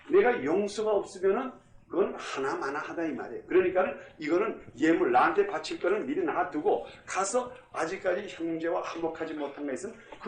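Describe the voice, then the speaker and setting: A pastor teaching a Bible class in an echoey room, his voice pitched a little high. He is emphatic, drives his points home by repeating them, and puts questions to his listeners. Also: a little hiss or hum. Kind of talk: Bible study lecture.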